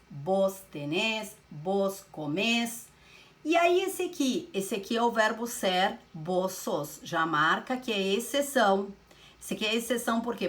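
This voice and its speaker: A woman leads a grammar lesson in a somewhat high voice. She works through each rule step by step. She often asks a question and then answers it herself. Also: a bit bright. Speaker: Spanish teacher. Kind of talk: recorded classroom lesson.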